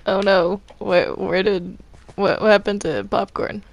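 A video game player chats casually while playing Minecraft roleplay, hesitant and stammering over repeated words. The mid-range voice shows little pitch movement and vocal fry, at a measured pace with no echo.

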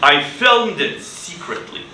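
A middle-aged ESL teacher with a higher voice and big pitch swings teaches children indoors in a school classroom, using slow, deliberate, simple phrasing and repeated questions to involve them. The recording is roomy and distant, with clear noise.

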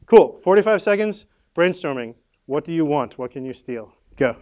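A man with a fairly high voice leads a live workshop for a conference audience. He talks casually and upbeat, with lots of filler words, giving quick instructions to the room. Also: lively intonation, a little mellow. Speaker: workshop leader.

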